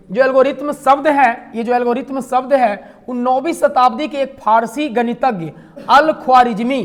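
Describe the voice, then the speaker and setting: A man's voice: very high-pitched, fairly bright tone. A man teaches a math lesson. He keeps quizzing the class and then answers his own questions, with light jokes along the way. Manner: asks the class questions and answers them himself, with jokes in between. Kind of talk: classroom lecture.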